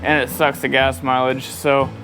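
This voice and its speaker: A man's voice: medium pitch, little pitch movement, normal speed, a bit bright, faint music behind. Tired, rambling guy working on a truck. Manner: rambling, easygoing, with many fillers and laughs. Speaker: vlogger working on his truck. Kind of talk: casual off-the-cuff vlog talk. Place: outdoors beside a truck in hot weather.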